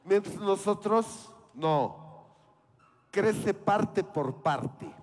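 A man's voice: high voice, very slow, slight background noise. A man, telling a comedy story on stage and acting out the voices. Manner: animated, acts out voices. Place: outdoor fair stage.

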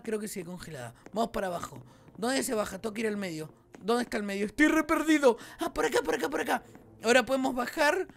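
Young Argentine man, gaming commentary; high and very lively, jumpy, yells at scares, chats to viewers. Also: gravelly, slight background noise. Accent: Rioplatense Argentine Spanish. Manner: excitable, shrieks and yells when startled, talks to viewers. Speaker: gaming YouTuber. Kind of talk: live gameplay commentary.

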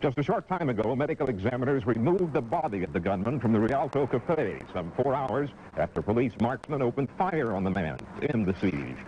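A man's voice: mid-range voice, animated, brisk, hardly any pauses. A middle-aged man reading scripted TV news in a studio, heard on warbly old tape. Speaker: TV news anchor. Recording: warbly muffled 1980s tape, faint noise.

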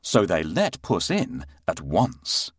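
A man narrating a bedtime story for children, slow and expressive, with playful sound effects. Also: low voice, breathy edge, dry recording.

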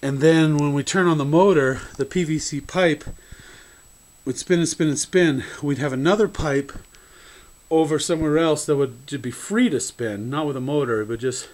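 A man casually demonstrating a homemade prototype, talking in halting bits with fillers and restarts. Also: fairly high pitch, darkish tone, poor audio. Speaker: hobby builder demonstrating a prototype. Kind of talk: casual home-video demo. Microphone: handheld camera mic.

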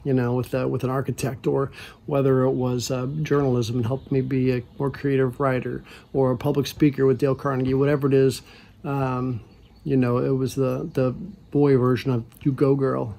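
A man's voice: mid-range voice, little pitch movement, moderate pace, creaky, mellow. A man paying tribute to his mother on her birthday, earnest and rambling with many fillers. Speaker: son giving a birthday tribute.

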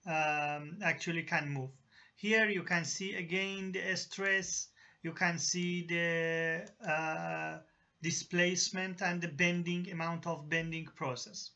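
Man, slow halting tutorial, lots of uh and restarts, lo-fi voice-over. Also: fairly high pitch, bright, forceful tone. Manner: halting, many fillers and restarts. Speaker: engineering software tutor. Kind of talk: screen-recorded software tutorial. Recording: dull lo-fi voice-over.

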